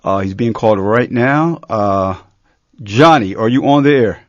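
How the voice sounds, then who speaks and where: A man hosting a live radio talk show, introducing a guest in a relaxed, hesitant way with many fillers. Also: fairly low pitch, a little slow, dry recording, dull audio.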